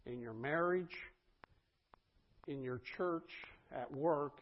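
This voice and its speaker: A man's voice: a little high, highs cut off. A man preaching a sermon as pastor, earnest and conversational, often turning to the congregation with asides.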